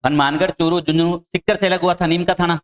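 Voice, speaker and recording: A man's voice: a little high, steady tone. Hindi-speaking male teacher drilling a class. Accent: Rajasthani Hindi. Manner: repeats key answers, asks and answers his own questions; lists place names in quick runs. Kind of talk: exam-prep geography lecture.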